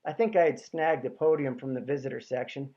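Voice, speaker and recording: A man tells a comic story about his own life in a wry, deadpan way. His delivery stays dry and understated through the jokes. The recording sounds slightly muffled and lo-fi. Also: mid-range voice, a little fast.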